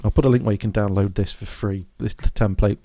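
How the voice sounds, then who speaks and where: A man's voice: on the low side, fairly even intonation, a little fast, warm tone, dry recording. A man presenting a music gear tutorial in a casual, rambling way, thinking aloud as he goes. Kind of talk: casual software and hardware walkthrough. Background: scratching noise from a dog in the background.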